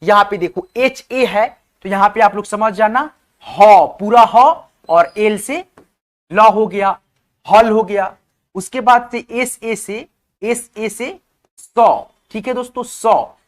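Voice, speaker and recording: Man teaching, checks in with listeners. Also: high-pitched. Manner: repetitive, addresses viewers as friends, checks in often. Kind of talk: online class explanation.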